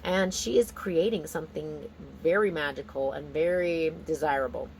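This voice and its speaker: Informal low-voiced woman reading tarot. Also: moderate pace, vocal fry, a little hiss or hum, low-quality recording. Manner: informal, exclamatory, slangy. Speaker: tarot reader. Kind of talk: casual, improvised tarot card reading commentary.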